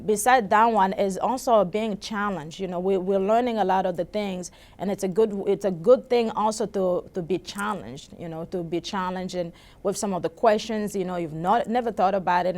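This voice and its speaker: A woman's voice: medium pitch, darkish tone. A young woman from the Congo, a PhD student, telling her story at a conference booth in an earnest way with many fillers and restarts. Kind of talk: recorded personal story.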